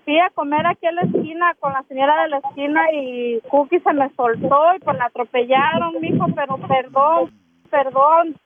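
A woman's voice: high voice, steady tone, normal speed. A woman calling a radio show to prank her husband, chatty and complaining. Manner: chatty, complaining, mock-apologetic. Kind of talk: phone call to a radio show. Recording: tinny phone line with faint hiss.

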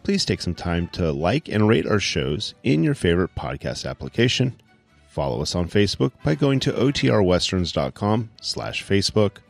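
Podcast outro man, very low and animated, with gravelly creak. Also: normal speed, soft background music. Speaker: podcast presenter.

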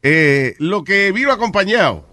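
A male radio host with a lively, swooping voice that sits a little high. He chats with callers in an animated way and mixes in English. His laughter comes loud and often. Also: unhurried, crowd noise. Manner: animated, laughs loudly, switches between Spanish and English. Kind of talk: casual radio banter with callers.

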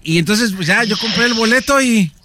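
A young man, calling his mother from a parked car, talking in an excited, stammering rush. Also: high voice, fairly quick, no room sound. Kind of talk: phone call, casual. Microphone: phone on a call.

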